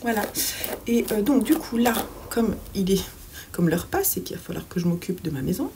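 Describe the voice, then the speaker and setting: A woman's voice: mid-range voice, animated, normal speed, gravelly, noisy background. A French woman chatting casually in a reading vlog from home, hesitant and full of fillers. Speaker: book vlogger.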